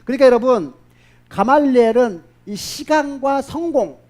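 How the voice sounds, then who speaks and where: A male pastor preaching a sermon, telling stories in a lively way and acting out the voices of the people in them. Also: extremely high pitch, normal speed.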